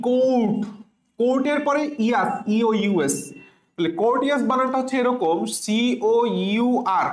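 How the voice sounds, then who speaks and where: A man teaching an exam prep spelling lesson, spelling words letter by letter and having students repeat after him. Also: sits high. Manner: repetitive, drills letters, asks students to repeat. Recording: roomy echo.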